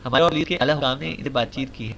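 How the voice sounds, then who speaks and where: A man voicing a serious male hospital doctor who explains matters flatly and defensively. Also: medium pitch, creaky, slight background noise.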